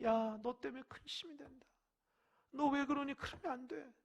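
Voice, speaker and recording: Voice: high voice, normal speed, creaky, voice pushed up. A preacher voicing God as a loving heavenly father who speaks to his children in a raised, impassioned voice. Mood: grieved pleading.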